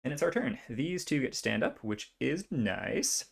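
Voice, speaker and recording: Gravelly man narrating his board game. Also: mid-range voice, big pitch swings, moderate pace. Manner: thinking aloud, counting dice, chatty asides. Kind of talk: casual play-by-play of a tabletop game.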